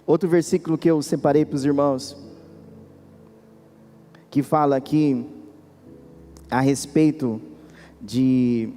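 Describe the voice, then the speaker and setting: A man with a Brazilian Portuguese accent preaching a sermon as pastor, earnest and pleading, moving between quiet and insistent. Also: mid-range voice, fairly even intonation, slow pace, pauses often, big-room sound. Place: church hall.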